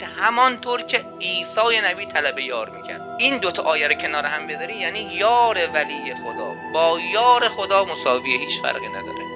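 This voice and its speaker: A man preaching a religious sermon in an emphatic style, repeating key phrases and asking rhetorical questions. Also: sits high.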